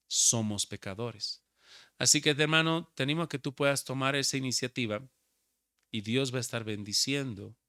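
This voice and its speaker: A man's voice: medium pitch, pushed and bright, dry recording, studio quality. A man preaching a sermon as pastor, urging his listeners and calling each one brother. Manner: exhorting, addresses listeners as brother.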